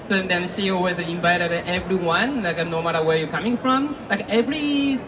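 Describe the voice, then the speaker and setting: A man's voice: high voice, normal speed. A man moderating a live conference panel, cheering on and introducing each guest in an upbeat way. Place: conference stage. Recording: distant mic in a noisy event hall.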